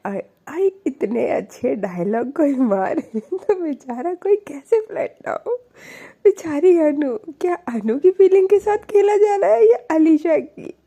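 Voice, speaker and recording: A female storyteller tells a love story in a relaxed, conversational way, breaking in with her own asides. Her voice sits a little high, and its tone is very mellow and dark. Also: a little slow, lo-fi sound. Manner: chatty, lively asides. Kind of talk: casual spoken storytelling.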